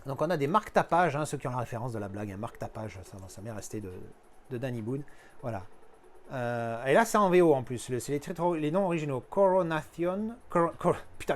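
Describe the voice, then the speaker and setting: Slangy man chatting, slightly high voice. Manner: slangy, swears casually, thinks aloud. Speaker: collector showing his purchases. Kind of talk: casual unboxing chat.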